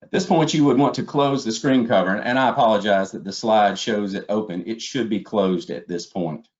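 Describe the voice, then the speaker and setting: Methodically walking through an instructional slide presentation step by step, a male webinar trainer speaks at a moderate pace in a lowish, slightly mellow voice. The webinar audio comes across as dull and lo-fi.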